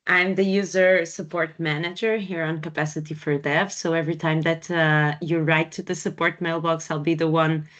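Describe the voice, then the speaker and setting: A woman's voice: sits low, little pitch movement, normal speed, few pauses, a bit bright, lo-fi sound. A woman from Portugal, a user support manager, introducing herself plainly on a video call.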